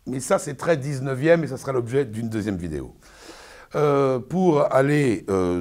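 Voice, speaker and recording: A man presents an informal theatre lesson in a husky voice. His pitch is lively and moves widely as he explains. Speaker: theatre teacher presenting a video series.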